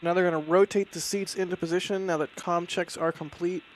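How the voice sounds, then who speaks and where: High-pitched, chatty man hosting a livestream. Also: fairly even intonation, fairly quick, a little hiss or hum, poor audio. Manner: chatty, self-interrupting. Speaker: livestream host. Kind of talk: casual live launch commentary.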